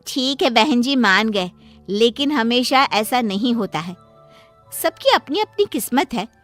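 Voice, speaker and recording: A woman's voice: a little high, lively intonation, a little slow, fairly bright tone, faint music behind. A woman voicing a meddling middle-aged neighbor woman in a cartoon story, lecturing in a preachy way.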